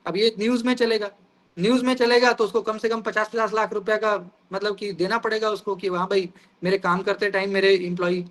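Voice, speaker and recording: A man's voice: high voice, flat delivery, brisk, fairly bright tone. A man teaching an online exam-prep class over a video call, explaining terms through everyday examples and often calling the students "guys".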